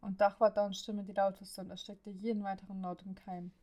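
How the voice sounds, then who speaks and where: A woman reads a story aloud as an audiobook narrator. Her pitch barely moves, keeping each line level and even from one sentence to the next. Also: brisk.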